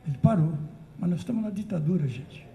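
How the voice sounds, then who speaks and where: An older Brazilian woman telling an animated, emotional story of remembered traditions at a community talk circle. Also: lowish voice, fast, muffled recording. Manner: animated, emotional, breaks into chanted calls. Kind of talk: storytelling recollection. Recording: roomy echo.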